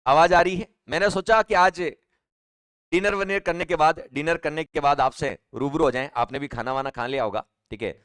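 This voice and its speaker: A man teaches a live online exam-prep class, talking straight to his students. His voice sits on the higher side and the room sounds dry and close. He repeats key points and keeps asking the class questions. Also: moderate pace, a bit bright, clean tone, no echo. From Rajasthan, India. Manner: chatty, repetitive, asks students questions and reads out names.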